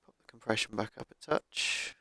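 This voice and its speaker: A man with a croaky voice from a cold, casually talking through car tuning as he plays a game on a cheap microphone. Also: moderate pace, pushed and bright, dry recording, studio quality. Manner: thinking aloud, laid-back, with fillers. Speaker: gaming YouTuber. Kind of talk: casual gameplay commentary.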